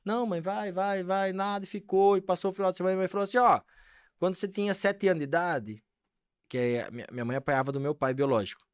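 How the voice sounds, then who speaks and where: A man's voice: on the high side, steady tone, quick pace, clear, resonant tone, dry recording, clean studio sound. A man, a podcast guest, telling an emotional personal testimony and acting out the voices in his dialogue.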